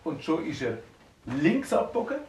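A man with a Swiss German accent improvising a bedtime story for a child, lively and playful with sound effects. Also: fairly high pitch, normal speed. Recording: roomy, distant mic, faint noise.

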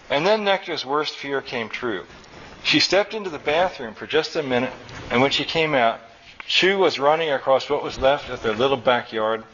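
A man reading his own story aloud at a college event, in steady, plain narration. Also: mid-range voice, slight background noise. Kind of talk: live fiction reading. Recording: dull lo-fi live recording.

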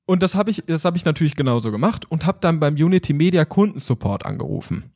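A man's voice: a little high, sing-song, fast talker, darkish tone. A man casually chatting on a podcast, telling a story with lots of energy and acting out phone calls. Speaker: podcast host. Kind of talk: casual chat.

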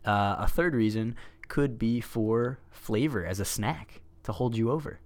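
A man's voice: medium pitch, unhurried. A man co-hosting a casual podcast, chatty and teasing, often repeating his partner's words. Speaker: podcast co-host. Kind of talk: casual chat.

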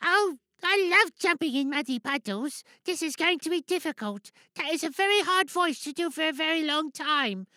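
A man's voice: very high-pitched, lively intonation, moderate pace, hardly any pauses, pushed and bright, no room sound, studio quality, voice pushed up, exaggerated voice. A man voicing a young girl cartoon piglet, speaking in a childlike way. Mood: playful. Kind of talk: dramatic monologue reading in character.

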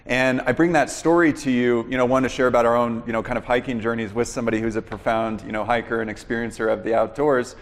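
A man's voice: mid-range voice, fairly even intonation. Rambling male host in a reverberant room. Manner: rambling, fills pauses with "you know" and "uh". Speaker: podcast host interviewing a guest. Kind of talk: conversational interview storytelling.

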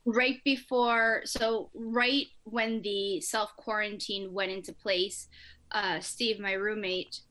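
A woman's voice: medium pitch, takes it slowly. A woman from northern Mexico, co-hosting a casual chat, talking at length and laughing often. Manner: chatty, laughs often, animated asides. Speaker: co-host.

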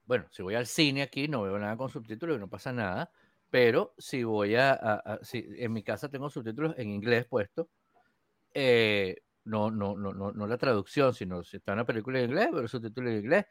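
A man's voice: medium pitch, brisk, no echo, studio quality. A Latin American man chatting casually on a podcast, rambling with many restarts. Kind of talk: casual chat.

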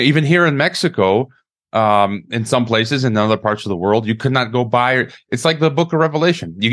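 A man hosting a conversational interview stammers and repeats words while gathering his thoughts. His voice is mid-range with a fairly bright tone.

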